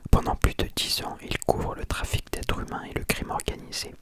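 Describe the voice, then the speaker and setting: A person speaking in a hushed, breathy library whisper, telling and reviewing a book informally for ASMR. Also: moderate pace. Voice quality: soft, breathy unvoiced whisper. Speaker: ASMR content creator.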